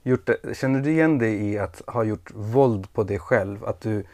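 Low-voiced man asking probing questions. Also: darkish tone. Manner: probing, searching for words. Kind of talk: interview questions.

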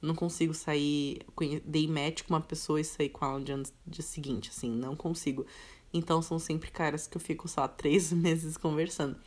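A woman's voice: deep voice, normal speed. A young woman, chatting casually and using slang while she jokes at her own expense. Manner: relaxed, slangy, self-deprecating. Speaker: podcast co-host. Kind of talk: casual chat.

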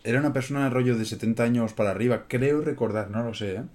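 A man's voice: medium pitch, fast talker, a little mellow. A young man, co-hosting a casual chat in a chatty, slangy way. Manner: chatty, peppers lines with "tío" and "en plan". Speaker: podcast co-host.

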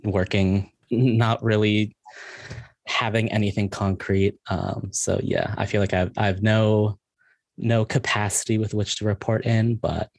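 Man with a low husky soft-spoken voice. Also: level tone, dry recording. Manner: soft-spoken, halting, self-deprecating, many fillers. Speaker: podcast guest, writer. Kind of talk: casual group discussion.

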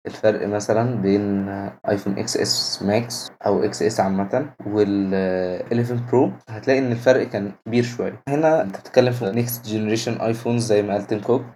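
A man's voice: on the low side, fairly even intonation, fast, hardly any pauses, mellow, a little hiss or hum. A man with an Egyptian Arabic accent who mixes English words and phrases into his Arabic in casual tech discussion.

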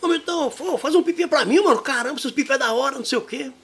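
A man's voice: very high voice, rapid-fire, gravelly, fairly bright tone, pitched above the performer's own voice, exaggerated voice. A man voicing an eager young neighborhood boy who begs for a kite in street slang. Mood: eager pleading. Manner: pleading, slangy.

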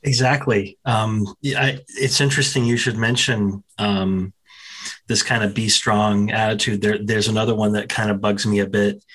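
A man hosting an interview, speaking in a relaxed, easygoing way with supportive interjections. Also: fairly low pitch, moderate pace, slightly rough, low-quality recording. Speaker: interview host. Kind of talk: conversational interview.

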